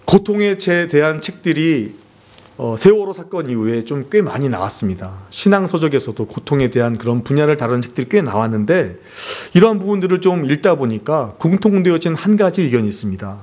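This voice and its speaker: A man's voice: very animated, brisk, darkish tone. A man preaching a sermon as pastor, earnest, acting out family scenes as he makes his points. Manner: earnest, acts out family scenes with sweeping pitch swings. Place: church sanctuary.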